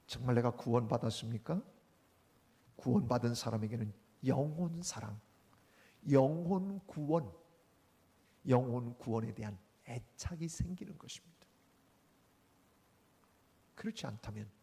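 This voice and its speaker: Gravelly, lively-voiced man preaching a sermon. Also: medium pitch. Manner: animated storytelling, acting out the people in his anecdotes. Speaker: pastor. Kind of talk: Sunday sermon. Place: church sanctuary.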